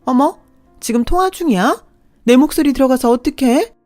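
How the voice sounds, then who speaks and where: A woman voicing a greedy, scheming middle-aged woman with a shrill, sneering way of talking. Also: lively intonation, moderate pace, a little mellow, no room sound, studio quality, faint music behind.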